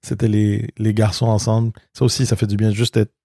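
A middle-aged man with a Québécois accent chats casually as an interview guest, spinning anecdotes and slipping into the voices of the people he quotes. His voice sits on the low side and he often restarts and repeats words mid-sentence. The recording is close and dry. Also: level tone, brisk, dark tone, no room sound. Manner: storytelling, acts out quoted dialogue. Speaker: guest, comedian.

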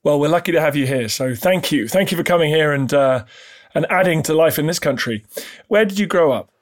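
A man's voice: fairly high pitch, lively intonation, brisk. A man with a slightly raised voice conducts an interview. He asks questions politely and encourages his guest, thanking her as he goes.

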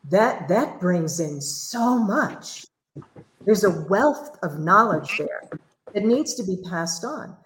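A woman's voice: medium pitch, lively intonation, takes it slowly, reverberant, rough recording. A woman hosting a livestream conversation, telling stories in an earnest, reflective way. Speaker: livestream host.

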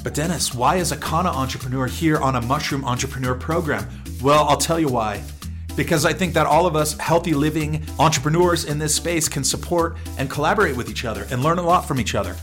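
A man's voice: on the high side, fairly quick, over music. A man hosting a podcast, speaking in an exuberant, slangy, upbeat way as he introduces and interviews. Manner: exuberant, slangy greetings sprinkled with foreign phrases. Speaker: podcast host.

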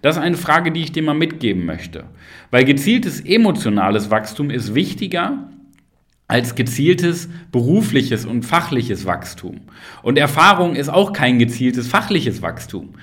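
A man's voice: mid-range voice, sing-song, a little slow, a bit bright. A man hosting a motivational podcast, talking straight to the listener, firing rhetorical questions and tagging on "ja?" and "ne?". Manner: addresses the listener directly with frequent tag questions. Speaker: podcast host and coach.

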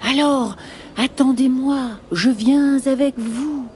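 Woman doing a sly storybook snake, hissy and slow, raised voice. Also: sits high, fairly even intonation, a little mellow, voice pushed up. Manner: hissing, drawn-out. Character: sly male forest snake.

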